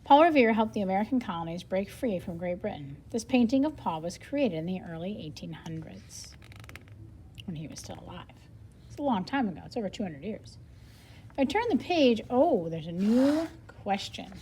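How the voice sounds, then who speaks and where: Reading nonfiction aloud to teach children, a woman with a medium-pitched, animated voice stops now and then to give simple explanations and think aloud, all quite expressively. There's a little hiss or hum in the audio.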